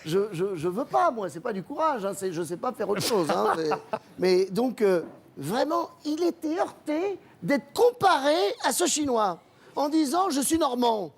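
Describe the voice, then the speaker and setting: Homme à la voix rauque et éraillée. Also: male voice, very high-pitched, slightly rough. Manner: lively, digressive, self-mocking, quick asides. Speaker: comedian, talk show guest. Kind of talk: animated talk-show chat.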